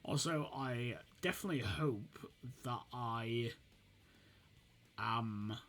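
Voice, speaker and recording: Still a little sniffly as his cold fades, this young gaming host from the UK talks through his football management game in a relaxed way, filling his thoughts with lots of ums and ahs. He speaks slowly at a medium pitch, and his tone is slightly bright.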